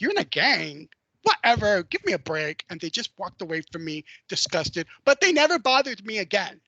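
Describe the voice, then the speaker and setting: A man giving a prepared personal speech, telling a story expressively and swinging from loud to hushed. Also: sits high, dry recording, low-quality recording. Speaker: club speaker.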